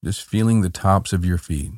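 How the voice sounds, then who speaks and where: A man guiding a body-scan relaxation in a calm, meditative tone, gently giving short soothing instructions. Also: sits low, normal speed, dry recording, studio quality. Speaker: meditation guide.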